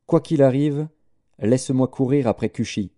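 A man's voice: mid-range voice, normal speed, mellow, lightly acted. A man reading aloud voices an eager young messenger who pleads to run with the news. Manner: pleading, insistent.

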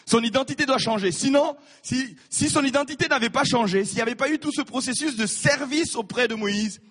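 A man preaching a sermon, animated, repeating his words and acting out the people in his stories. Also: very high voice, brisk. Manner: animated, repeats words, acts out voices of biblical figures. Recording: reverberant hall.

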